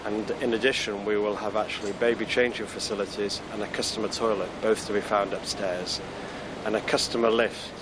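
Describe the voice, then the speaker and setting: Low-pitched man answering interview questions. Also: flat delivery, brisk, noisy background. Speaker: store manager.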